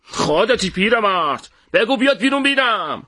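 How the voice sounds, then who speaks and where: Man voicing a blustering, shouting shopkeeper. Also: high-pitched, animated, pitched above the performer's own voice, heavily acted. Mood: furious, threatening. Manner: shouting, stammering, threatening. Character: hot-tempered middle-aged male shopkeeper, blustering bully. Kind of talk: audiobook character voice.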